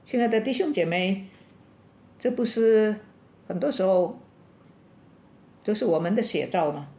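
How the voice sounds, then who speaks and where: A woman preaches an unhurried bilingual sermon at a church women's fellowship, gathered in a meeting room. She illustrates her message with a lively story, voicing the characters' cries at a higher pitch.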